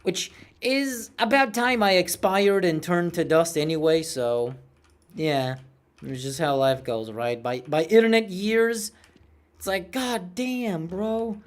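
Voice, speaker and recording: A man's voice: fairly high pitch, expressive, measured pace, clear, resonant tone. A man in his twenties chatting casually while streaming a game, rambling and self-mocking, with a cartoonish voice. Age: 20s. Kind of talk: casual gameplay chat.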